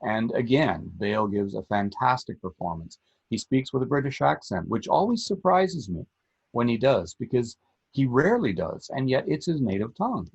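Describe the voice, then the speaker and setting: A middle-aged man co-hosting a film podcast, telling stories in a measured, reflective way. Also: medium pitch, sing-song, vocal fry, darkish tone, breathy edge, no room sound. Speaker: podcast co-host, film critic. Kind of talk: casual film talk. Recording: dull lo-fi sound.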